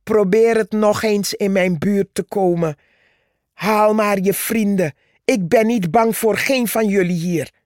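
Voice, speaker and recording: A woman voicing a haughty, boastful male plant who sneers and taunts, read slowly with a gravelly edge. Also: medium pitch, expressive, dry recording, clean studio sound, pitched above the performer's own voice. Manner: scornful, shouting taunts.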